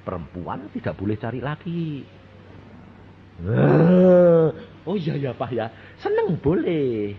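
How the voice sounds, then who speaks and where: An older man preaching a sermon, acting out dialogues and swinging between soft asides and loud exclamations. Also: on the high side, huge pitch swings, slow pace, gravelly. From Indonesia. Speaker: evangelist preacher. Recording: dull lo-fi sermon recording with faint hiss.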